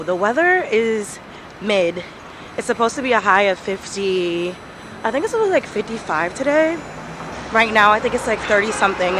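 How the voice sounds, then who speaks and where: There's a slight hiss or hum behind this woman's medium-pitched, fairly bright voice as she hosts a casual vlog. Congested and stuffy with a cold, she chats informally to camera and calls viewers "y'all."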